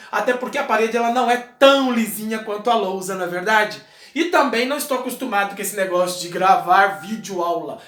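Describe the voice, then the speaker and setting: Lively high-voiced male teacher, echoey room. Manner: patient, checks in often with short questions. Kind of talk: video lesson, explaining while writing. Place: indoor room, writing on a wall.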